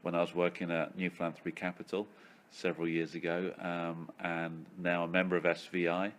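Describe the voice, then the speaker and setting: A man from southeast London, speaking hesitantly and restarting phrases. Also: low voice. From southeast London, England.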